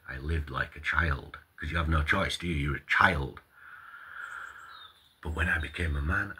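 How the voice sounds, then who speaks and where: A middle-aged man, telling a story in a casual, animated monologue, acting out quoted dialogue and swearing now and then. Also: rumbling low, slightly rough. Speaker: vlogger.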